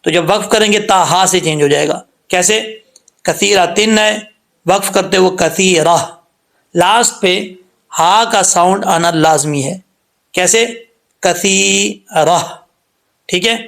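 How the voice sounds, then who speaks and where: A man's voice: high voice, gravelly, fairly bright tone. Patient man teaching Quran recitation rules. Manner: patient, repeats points, drawn-out sung demonstrations of sounds. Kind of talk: tajweed lesson, explaining and demonstrating letter sounds.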